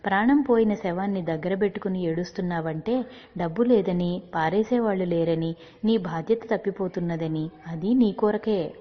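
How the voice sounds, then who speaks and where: A woman voicing a wise young girl who reasons calmly through probing questions, in a dull recording with long reverb. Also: lowish voice, moderate pace, close to an everyday voice.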